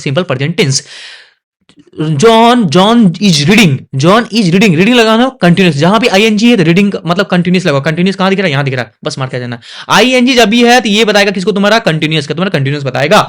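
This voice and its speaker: A young man teaching an exam revision lesson, asking his students quick questions and coaxing and scolding them. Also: high-pitched, expressive, fairly bright tone. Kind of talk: casual online exam lesson.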